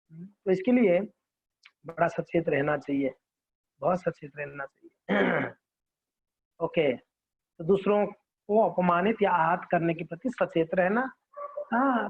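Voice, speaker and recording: High-voiced man giving a devotional class. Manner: conversational teaching with frequent check-ins and acted examples. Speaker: devotional lecturer. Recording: dull lo-fi recording.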